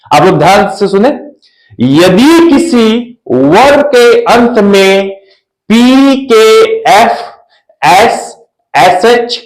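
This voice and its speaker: A man with a fairly high voice teaches a spoken English lesson at an unhurried pace. He spells words out letter by letter and repeats each one several times for his learners. The sound carries an echo, as in a bare room.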